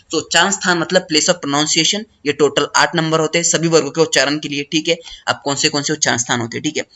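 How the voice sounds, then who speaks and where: A man teaching a study lesson, talking fast and repeating a check-in phrase after each point. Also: mid-range voice, pushed and bright. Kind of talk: study lesson explaining notes.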